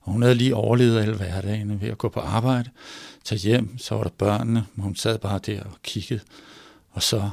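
A man telling a story aloud in a measured, pausing way, moving between hushed and emphatic passages. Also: fairly low pitch, steady tone, creaky. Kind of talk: oral storytelling.

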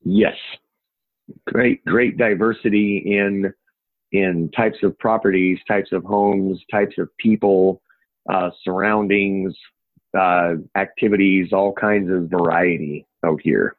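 Phone-line Yooper man, low and echoey. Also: steady tone, slow pace. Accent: Upper Peninsula Michigan (Yooper). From Upper Michigan, United States. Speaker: interview guest, home inspection business owner. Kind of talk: conversational interview. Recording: echoey, narrow phone-like call audio.

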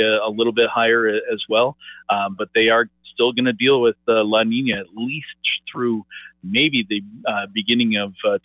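A man speaking over the phone as a market analyst guest, halting and full of filler words and restarts. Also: lowish voice, dry recording. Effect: heard over the phone. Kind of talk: phone interview on grain markets. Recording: tinny phone line, dry.

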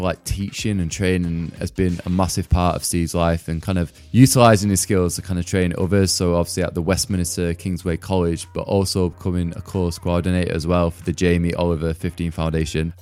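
A man's voice: sits low, darkish tone. A man hosting a podcast casually, often saying "like" and "kind of". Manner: informal, often says "like" and "kind of". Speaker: podcast host.

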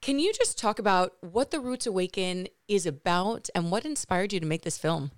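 A woman's voice: mid-range voice, expressive, normal speed. A woman hosting an interview podcast, speaking to listeners and guests in an enthusiastic, effusive way. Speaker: podcast host.

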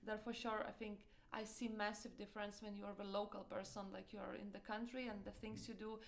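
A young woman from Lithuania with a Lithuanian accent, answering interview questions about her business and often pausing to search for words. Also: medium pitch, little pitch movement, gravelly. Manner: hesitant, searching for words, many fillers. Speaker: entrepreneur guest.

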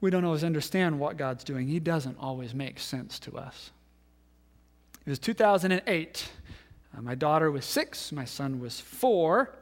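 A man in his thirties, a pastor giving a sermon, telling a story and acting out the voices in it, then dropping to hushed tones. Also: fairly high pitch, expressive, measured pace. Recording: long hall reverb.

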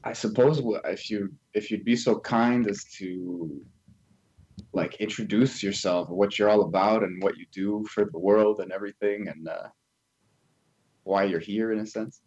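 A man co-hosts a podcast and asks his questions in a rambling, hesitant way. His voice sits on the low side, and the recording sounds dull and lo-fi. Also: steady tone, normal speed, a little mellow, breathy edge. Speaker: podcast co-host. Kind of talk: casual interview.

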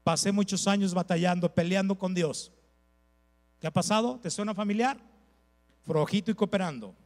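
A man, a pastor preaching a sermon with lively storytelling, repeated phrases and asides to the congregation. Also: high voice, moderate pace, long reverb tail, faint music behind.

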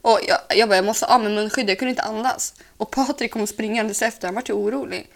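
A young woman co-hosting a podcast in casual chat, animated, acting out dialogue as she tells stories. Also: mid-range voice, creaky. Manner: animated storyteller, acts out dialogue, swears casually. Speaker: podcast co-host.

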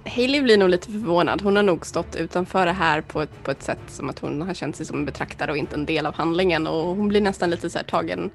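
En kvinna som spelar rollspel och pratar tvekande med många "eh". Rösten är ganska låg och knarrig, och svag musik hörs bakom. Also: female voice, on the low side, vocal fry, few pauses, soft background music. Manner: hesitant, many "eh" fillers. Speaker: player. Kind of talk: casual role-play talk.

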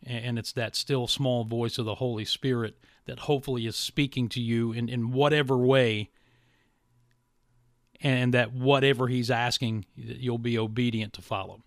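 A man hosting a podcast, talking reflectively and haltingly in a monologue to listeners. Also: medium pitch, steady tone, no room sound, studio quality. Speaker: podcast and radio host. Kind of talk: monologue to listeners, partly scripted ad reads.

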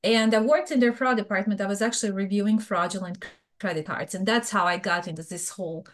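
A woman's voice: medium pitch, fast. Bosnian-accented woman telling her story. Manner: frank, chatty storytelling. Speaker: guest, fraud professional. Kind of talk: casual interview talk.

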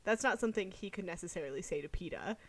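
A woman's voice: fairly low pitch, expressive, rapid-fire, no room sound. Chatty young woman rambling about a book. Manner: rambling, many "like" fillers, thinks aloud. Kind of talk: casual book discussion podcast.

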